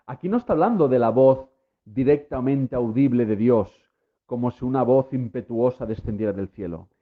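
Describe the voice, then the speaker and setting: A man's voice: medium pitch, normal speed. A man preaching a sermon to listeners at home, emphatic, with repeated refrains that build to impassioned peaks. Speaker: lay preacher. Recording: tinny phone-like sound.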